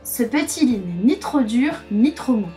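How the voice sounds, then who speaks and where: A woman's voice: on the high side, expressive, a little slow, dark tone, recorded from a distance, soft background music. Boucle d'Or, a woman voicing a fussy little girl.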